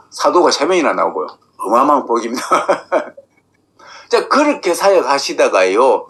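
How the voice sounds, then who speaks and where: A man's voice: medium pitch, fairly bright tone. A man preaching a sermon as pastor, asking his congregation rhetorical questions.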